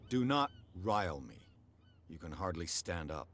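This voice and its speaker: An actor playing a stern older male investigator in a video game, with a gravelly voice. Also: deep voice, big pitch swings, unhurried, fairly bright tone, exaggerated voice. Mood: irritated.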